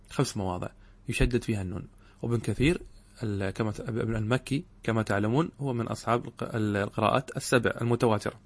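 A middle-aged man teaching Arabic grammar in a classroom lecture. He keeps asking rhetorical questions and answering them, and slows down to spell out example words. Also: mid-range voice, no echo.

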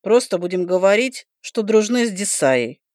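Reading an audiobook, a woman gives a young male dragon student a blunt, teasing, matter-of-fact voice with a wry mood, lightly acted. Her medium-pitched, slightly mellow voice is expressive at normal speed, recorded dry with studio quality.

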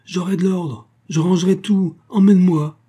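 A man's voice: mid-range voice, little pitch movement, a little fast, warm tone, lightly acted. A man voicing a tearful little boy who begs and wails, in a storybook reading. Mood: pleading. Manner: wailing, begging.

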